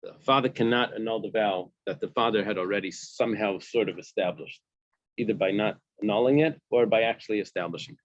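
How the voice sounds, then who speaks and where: Speaking briskly in a fairly low voice, a man guides a casual Talmud study, reading Hebrew phrases and translating and explaining them. There's no echo, and the sound is dull, dry, and lo-fi.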